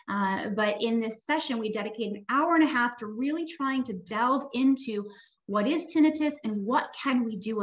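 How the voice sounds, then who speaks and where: A woman audiologist presenting on a video call webinar, explaining in a steady, informative way. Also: on the high side. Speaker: audiologist and tinnitus specialist.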